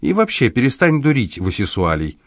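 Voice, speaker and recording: A man's voice: mid-range voice, huge pitch swings, moderate pace, no echo, studio quality, pitched above the performer's own voice. A man voicing a cold, impatient wife in an audiobook, speaking in a curt, dismissive way. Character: cold, impatient wife leaving her husband.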